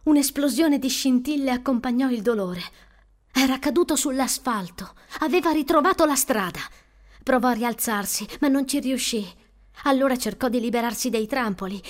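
A woman narrating an audiobook, telling a suspenseful story in an expressive way. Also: high voice, normal speed. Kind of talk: scripted narration.

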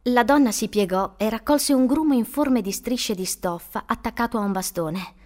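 A woman narrating an audiobook with expressive, suspenseful storytelling. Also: a little high, normal speed. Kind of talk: audiobook reading.

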